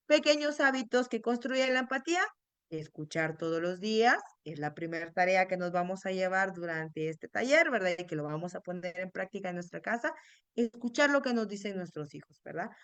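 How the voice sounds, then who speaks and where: A woman's voice: medium pitch, moderate pace, clear, resonant tone, no room sound. A woman neuropsychologist leading a parenting workshop, explaining earnestly to parents and tagging almost every phrase with a questioning "right?". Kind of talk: online workshop talk.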